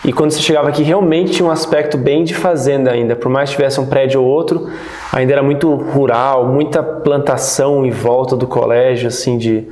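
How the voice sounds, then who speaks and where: A man's voice: mid-range voice, fairly quick. Rambling man in a roomy echo. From United States. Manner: relaxed, rambling, many restarts. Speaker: interview guest, pastor. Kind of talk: casual interview storytelling.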